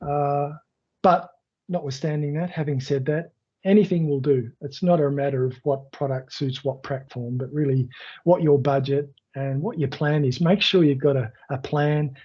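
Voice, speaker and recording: A man presenting in a live webinar, answering questions in a loose, conversational way with many fillers and a croaky voice that makes him clear his throat. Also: on the high side, steady tone, moderate pace, mellow. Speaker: webinar presenter on online selling. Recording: dull lo-fi video call audio.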